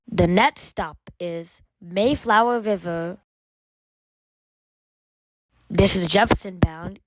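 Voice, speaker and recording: A lowish-voiced woman acts as an automated train announcer, reading scripted, formulaic lines in measured, separate segments. The audio has no echo but is poor.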